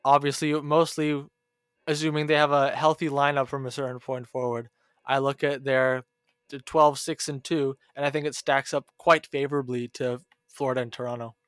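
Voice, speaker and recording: A man co-hosting a casual sports podcast, talking hockey in an animated way. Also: mid-range voice, moderate pace, smooth, dry recording, studio quality. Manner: animated, mimics fans in a whiny voice. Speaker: podcast co-host.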